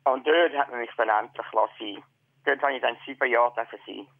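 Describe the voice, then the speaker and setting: A man from Switzerland, heard over the phone on a thin, phone-like line. He tells his story plainly, pausing and restarting. The sound is dry, with no room around it. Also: medium pitch, vocal fry, dry recording. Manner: halting, plain recounting. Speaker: caller.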